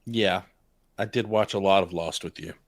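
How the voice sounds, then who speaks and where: A man's voice: low voice, moderate pace, dry recording, clean studio sound. A man co-hosting a podcast in casual chat, laid-back with short replies. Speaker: podcast co-host.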